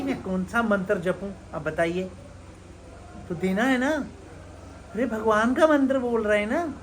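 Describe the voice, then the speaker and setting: A man's voice: high voice, a bit bright. Earnest man preaching over background noise. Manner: earnest, exhorting, repeats points. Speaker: spiritual teacher. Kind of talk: devotional talk at a religious gathering. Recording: noisy live recording with ambience.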